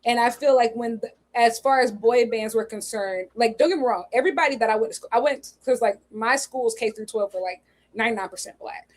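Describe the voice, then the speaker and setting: This is a woman in her twenties co-hosting a laid-back charity stream. Her voice sits well above the usual range, and she talks in an animated, slangy way with laughter never far off. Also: a little high, a little fast. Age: 20s. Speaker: co-host. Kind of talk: casual charity stream chat.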